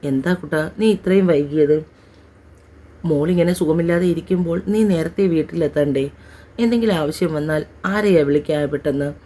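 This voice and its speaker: A woman's voice: low-pitched, moderate pace, warm tone. A woman narrator voicing a fretful, fussing older grandmother in an audio story. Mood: scolding.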